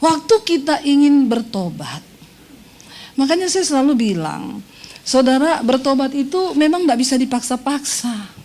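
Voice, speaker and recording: A woman's voice: high voice, expressive, a little mellow. A middle-aged woman pastor preaching a sermon, teasing the congregation and acting out quoted voices. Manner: humorous, teasing the congregation with quick asides; acts out quoted voices in dialogue.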